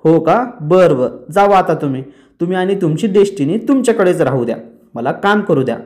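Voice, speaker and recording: Man voicing a sharp-tongued young woman, scolding, dismissive retorts, slightly high voice, retold soap scene. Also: animated, a little fast, natural voice. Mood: tart, scolding.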